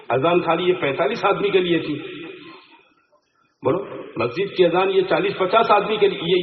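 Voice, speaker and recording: A man preaching an Islamic sermon to a gathering, often putting questions to the listeners. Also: high voice. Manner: asks the crowd rhetorical questions. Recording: tinny phone-like sound in an echoey room.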